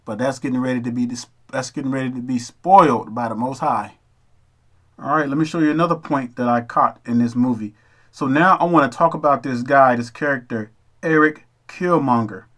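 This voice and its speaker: A man's voice: medium pitch, brisk, fairly bright tone. A man giving casual, preachy commentary on a film, addressing his listeners as brothers and sisters. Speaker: religious commentator.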